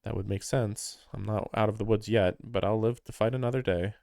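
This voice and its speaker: A man's voice: fairly low pitch, fairly even intonation, brisk, vocal fry, background noise. A man reading visual novel text aloud and breaking into chatty, laughing commentary. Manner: reads text plainly, then breaks into chatty, laughing asides. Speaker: let's player.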